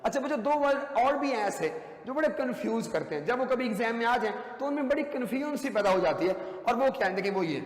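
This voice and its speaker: A man's voice: extremely high pitch, expressive, fast. A man teaching an English grammar lesson to students, repeating key words emphatically and addressing them as children. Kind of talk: classroom lecture at a whiteboard. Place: classroom. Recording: echoey classroom, long reverb.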